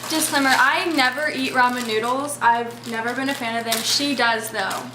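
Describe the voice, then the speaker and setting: A woman's voice: fairly high pitch, steady tone, normal speed. A young woman chatting casually as she hosts a vlog. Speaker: vlogger. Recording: noisy echoey room, clattering dishes.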